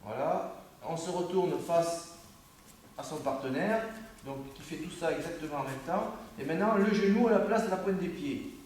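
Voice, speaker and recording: A man's voice: on the high side, moderate pace, darkish tone, slight background noise. A man with a French accent coaching a student on a dojo mat, correcting and repeating himself. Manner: corrective, repeats himself, breaks off mid-phrase. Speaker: judo instructor. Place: judo dojo, indoors. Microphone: camera from across the room. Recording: very echoey room recorded from far off.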